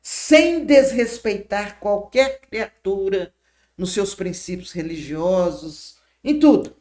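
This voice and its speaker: An older woman, a podcast guest gently recounting memories and often checking in with her listener. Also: mid-range voice, animated, slow pace. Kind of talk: reminiscing storytelling.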